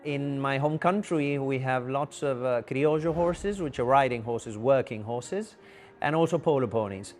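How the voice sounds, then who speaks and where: Argentine-raised vet, measured interview voice. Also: male voice, mid-range voice, a little mellow, soft background music. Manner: measured, explanatory with fillers. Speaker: equine veterinarian. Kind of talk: documentary interview.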